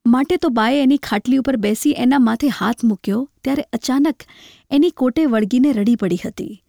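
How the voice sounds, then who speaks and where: A woman reads a literary story aloud, measured and reflective. Her voice is high with a gravelly creak. The sound is close and dry. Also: warm tone, dry recording. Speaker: narrator.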